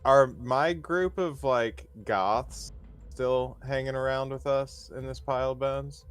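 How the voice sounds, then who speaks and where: A man playing a tabletop game, speaking in a relaxed, offhand way. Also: medium pitch, slow, clear, resonant tone, faint music behind. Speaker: player. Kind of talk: casual tabletop play.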